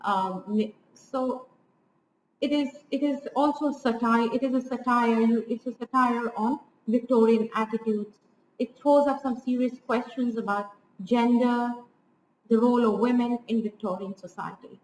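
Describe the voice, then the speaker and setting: A woman's voice: a little high, steady tone, a little slow, a little mellow, a little hiss or hum. Woman teaching poetry in an echoey room. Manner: explanatory, frequent restarts and "right?" checks. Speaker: literature teacher. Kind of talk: informal poetry lecture.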